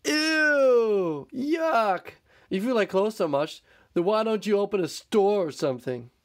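A man's voice: sits high, huge pitch swings, drawn-out words, voice pushed up, full character voice. A man voicing a pack of small, scornful naked mole rats in a children's storybook reading. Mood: disgusted.

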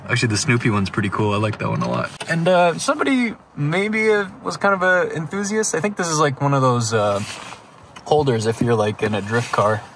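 A man's voice: medium pitch, sing-song, fairly quick, fairly bright tone. Young male vlog host, enthusiastic, selfie phone mic, light background noise. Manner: enthusiastic, chatty, thinking aloud. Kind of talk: casual walkaround vlog. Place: inside a parked car, then outdoors at an auction lot. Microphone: phone held at arm's length.

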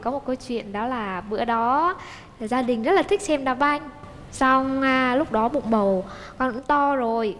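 A woman's voice: fairly high pitch, big-room sound, slight background noise. A young woman chats on a TV talk show. She tells her stories as a guest, linking one event to the next with "xong", and mimics the people she quotes. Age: young adult. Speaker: guest daughter-in-law. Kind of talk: casual storytelling on a TV talk show.

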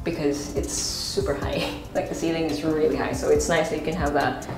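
In echoey, empty rooms and a stairwell, a low-voiced Filipino woman hosts a casual house tour, walking and presenting as she goes. Her delivery is flat and fairly quick, yet the talk stays chatty and unscripted, switching into Tagalog asides. A wireless body mic with its pack at her waist records her, and music plays underneath.

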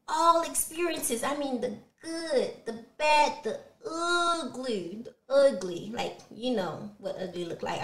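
In a small indoor studio room with some reverb, a Haitian woman in her thirties speaks expressively to the camera for a motivational vlog. Her voice is a little high and a bit bright, carrying a Haitian Creole accent from her first language, Creole. She shares personal motivation and repeats words for emphasis.

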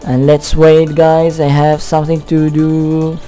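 A young man from Tunisia, English not his first language, giving excitable live gameplay commentary with halting phrasing and swearing. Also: on the high side, poor audio. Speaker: let's player. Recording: loud game music behind. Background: racing game music.

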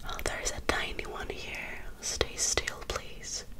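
Casting: woman, twenties, for whispered ASMR role-play as a face-care attendant; breathy whisper, clipped repeated words, unhurried overall. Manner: whispering throughout. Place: small dim bedroom, indoors. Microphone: close in front of her.

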